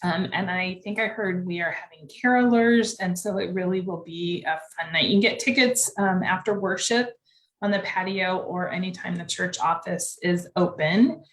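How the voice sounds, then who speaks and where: A woman's voice: fairly low pitch, normal speed. A woman pastor in casual chat, steadily explaining upcoming church events, recorded at church. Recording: echoey room.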